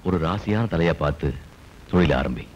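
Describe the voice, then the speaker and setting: A deep-voiced stern village landlord. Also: male voice, animated. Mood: pensive. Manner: slow, commanding, grave. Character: stern wealthy village landlord, middle-aged father. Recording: dull film soundtrack with loud music.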